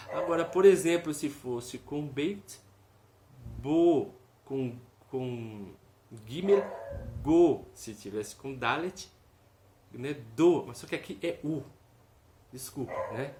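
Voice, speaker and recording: A man giving a casual video lesson, explaining step by step, often checking in with "ok?" and sounding out each vowel aloud. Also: fairly high pitch. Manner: explanatory, tag questions, demonstrates sounds aloud. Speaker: teacher. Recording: echoey room, faint noise.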